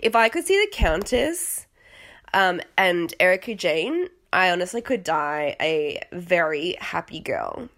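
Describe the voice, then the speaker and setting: A woman's voice: lowish voice, big pitch swings, unhurried, fairly bright tone. A young adult woman hosting a podcast, chatting casually about reality TV in a rambling, self-deprecating and exclamatory way. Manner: dramatic, exclamatory. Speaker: podcast host.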